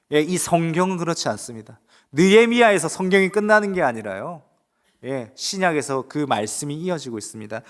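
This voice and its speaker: A man pastor delivering a sermon, swinging between loud rising exclamations and hushed asides, putting rhetorical questions to the congregation. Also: high-pitched. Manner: emphatic preaching with rising exclamations and quiet asides.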